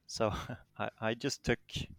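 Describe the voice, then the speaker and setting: A man's voice: lowish voice, little pitch movement, a little slow, vocal fry, a bit bright, no echo. A man with a Danish accent answering interview questions casually, in a modest, hesitant manner. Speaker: interviewed tournament champion.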